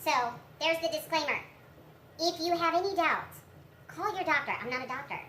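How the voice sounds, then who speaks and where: A high, bright chipmunk voice, sped up and squeaky, as a woman vlogger talks through a pitch filter. She delivers a plain, matter-of-fact disclaimer and repeats herself for emphasis. The sound is echoey with a faint hiss behind it. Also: expressive, brisk. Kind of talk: casual spoken disclaimer. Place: home. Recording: echoey room, faint noise.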